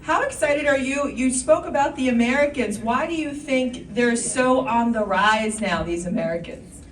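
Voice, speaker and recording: A woman's voice: high-pitched, normal speed. A woman interviewing a guest, putting direct, prompting questions to him. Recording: distant roomy mic with faint background noise.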